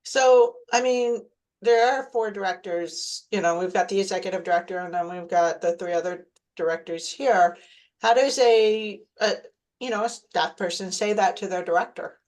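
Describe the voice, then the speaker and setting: A woman's voice: medium pitch, fairly even intonation, normal speed, a little mellow. A woman taking part in a workshop, candidly describing a practice exercise and asking the trainer direct questions. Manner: candid, asks direct questions, talks with filler. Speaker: workshop participant. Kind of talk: discussion in a training session.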